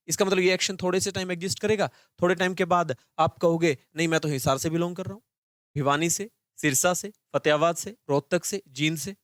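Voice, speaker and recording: A young man teaching an English grammar class live online, talking fast and repeating questions back to the students. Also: a little high, no echo, clean studio sound.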